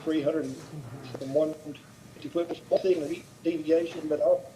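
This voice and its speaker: A board member asking halting questions at a public hearing over a video call whose audio keeps breaking up. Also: male voice, a little high, steady tone, dark tone, slight background noise. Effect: choppy video call audio cutting out. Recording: dull lo-fi video call line.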